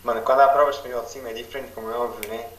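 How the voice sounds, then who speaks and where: A man's voice: medium pitch, little pitch movement, rapid-fire, crowd noise. A young man with a European Portuguese accent debating casually on a podcast in a slangy, sceptical way. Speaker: podcast co-host. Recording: roomy, distant mic, noisy background.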